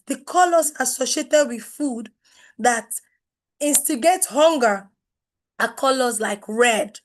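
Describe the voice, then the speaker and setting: A hoarse, middle-aged Nigerian woman who has lost her voice leads a live online workshop on branding, speaking emphatically with many rhetorical questions and wide swings in loudness. Her voice is high-pitched.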